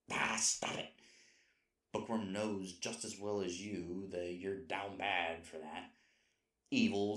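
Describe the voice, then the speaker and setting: A man with a low voice plays a sweet, flustered boyfriend in intimate roleplay audio. He puts himself down, hesitates, and rambles, correcting himself as he goes.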